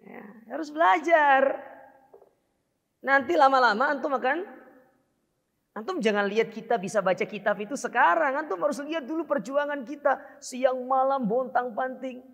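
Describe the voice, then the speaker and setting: A man's voice: extremely high pitch, moderate pace, a bit bright. A man teaching a religious study class to a congregation, chatty and joking as he explains Arabic terms. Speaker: Islamic preacher. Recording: dull, reverberant hall recording.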